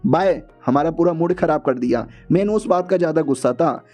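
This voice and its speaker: A man's voice: fairly high pitch, a little fast, warm tone, faint music behind. A man narrating a comic-story recap in a chatty, slangy way with joking asides.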